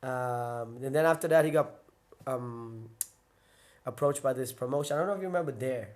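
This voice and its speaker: A young man guests on an interview podcast, telling stories about his early days of fighting in a mid-range, darkish voice at an ordinary pace. He rambles off on tangents, says "like" constantly, and keeps circling back to fix what he just said.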